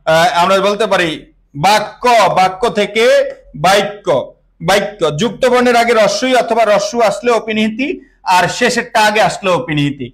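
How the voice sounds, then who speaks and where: A man's voice: high-pitched, fairly bright tone. A young Bangladeshi man teaching an online class, drilling pronunciation and asking and answering his own questions, with English words mixed into his speech.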